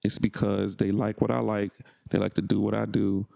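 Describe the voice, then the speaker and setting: A man's voice: fairly low pitch, level tone, moderate pace, gravelly, dark tone, no room sound. A married man co-hosting a podcast, telling a story in laid-back casual chat, restarting and repeating phrases. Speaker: podcast co-host.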